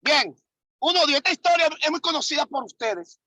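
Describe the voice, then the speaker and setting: A man's voice: extremely high pitch, lively intonation, a little fast, pushed and bright, dry recording, low-quality recording. A man teaching a ministry class as an apostle, preaching emphatically, repeating key phrases and firing rhetorical questions at his listeners. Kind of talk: preaching lesson.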